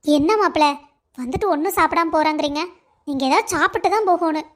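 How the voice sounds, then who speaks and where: Cartoon mom, very high and fussy, doting and bossy, woman voiced. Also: quick pace, close to an everyday voice. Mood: fussing. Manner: fussing, affectionate, bossy. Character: doting middle-aged village mother. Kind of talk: Tamil cartoon voice acting.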